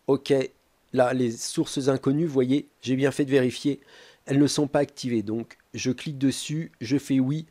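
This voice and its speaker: A man presenting a step-by-step tech tutorial, talking calmly with frequent hesitant filler pauses. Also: medium pitch.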